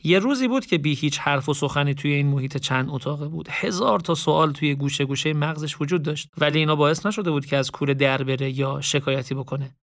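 Man narrating a story, fairly high voice. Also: hardly any pauses, no room sound, studio quality. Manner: calm, reflective storytelling in casual spoken style. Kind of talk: audiobook story narration with reflective asides.

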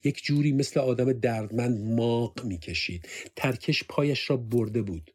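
Man, storybook narration, calm, measured, mid-pitched voice. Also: slightly rough.

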